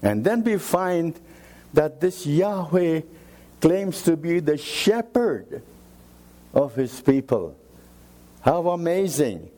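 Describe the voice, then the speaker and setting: A man preaching a sermon, slow and emphatic, repeating key phrases for weight. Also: fairly high pitch, animated, dark tone.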